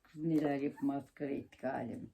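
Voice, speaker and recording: A woman's voice: rumbling low, flat delivery, fairly quick, vocal fry, heavy background noise. A chatty woman in her seventies, a grandmother talking casually and colloquially. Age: 70s. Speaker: grandmother making prank calls. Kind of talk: casual chat and prank calling.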